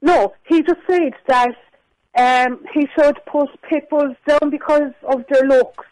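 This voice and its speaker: A woman's voice: high-pitched, fairly even intonation, slow pace, a little mellow, no room sound, low-quality recording. A woman calling in to a radio show, arguing back in an indignant, challenging way. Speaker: caller to a radio phone-in. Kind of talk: argumentative phone-in talk.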